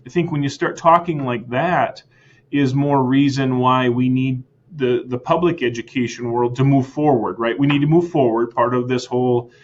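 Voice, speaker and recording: An American man speaks as a school superintendent in a podcast interview. His voice sits at a middle pitch, and the audio sounds slightly dull. He talks earnestly, restating his points and checking in with "right?". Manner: earnest, repeats words, tags lines with "right?".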